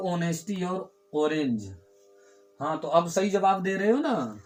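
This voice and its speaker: This man's voice is high-pitched with a darkish tone. Teaching grammar in a classroom, he breaks points down step by step, repeats important words, and frequently asks students a question only to answer it himself.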